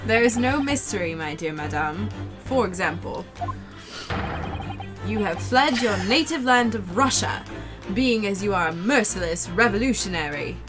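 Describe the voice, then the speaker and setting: A woman's voice: mid-range voice, animated, unhurried, over music, natural voice. A woman reading a pompous eccentric detective. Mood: grandiose. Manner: grandiose, theatrical, old-fashioned phrasing. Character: pompous eccentric male detective, self-assured.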